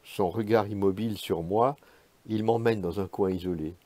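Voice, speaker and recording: A man reading his own literary prose aloud in a measured, hushed, spare way. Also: on the low side, dry recording.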